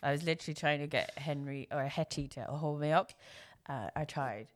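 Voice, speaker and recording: Woman, 30s, low voice, podcast co-host, casual chat, laughs a lot, halting after a stroke. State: numb face, recovering from a stroke.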